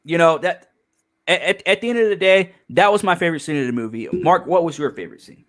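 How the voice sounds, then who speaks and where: A man's voice: fairly high pitch, fast, a bit bright. A man hosting a casual film review chat, talking in an emphatic, rambling way with frequent restarts and swearing. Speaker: podcast host.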